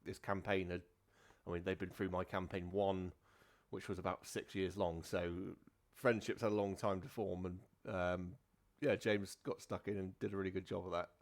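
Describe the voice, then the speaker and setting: A man's voice: low-pitched, flat delivery, moderate pace. A man hosting a casual tabletop gaming podcast as the dungeon master, rambling with many fillers and restarts.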